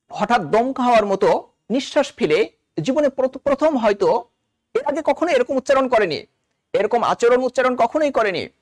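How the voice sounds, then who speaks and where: A man's voice: very high-pitched, dry recording, clean studio sound. A man from Bangladesh, a college literature lecturer, explaining a novel line by line and quoting its characters in dialect.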